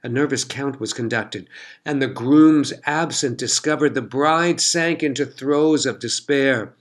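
A man narrating a story in a measured, scripted storytelling delivery. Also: medium pitch.

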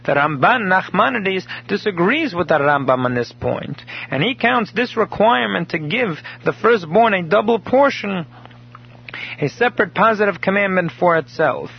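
A man teaching a recorded daily Torah class, telling a story in a measured way and explaining Hebrew terms in English. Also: high voice, lively intonation, gravelly, husky. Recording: dull lo-fi recording.

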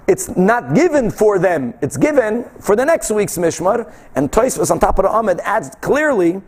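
High-pitched New man teaching Talmud. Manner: asks and answers own questions, repeats phrases for emphasis. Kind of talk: religious text lesson, reading and explaining aloud.

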